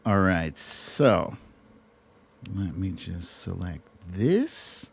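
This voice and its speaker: This middle-aged livestream host talks extremely slowly in a deep, gravelly, husky voice with big swings in pitch. Using a streaming mic at a laptop setup, he chats casually and directly with his audience, rambling as he goes.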